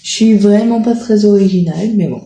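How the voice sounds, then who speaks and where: Introducing horses from a riding school, a woman talks casually to her viewers as a video creator, sounding hesitant and correcting herself amid many filler sounds. Her voice is medium-pitched and mellow at a moderate pace, with a little hiss or hum and a roomy echo in the audio.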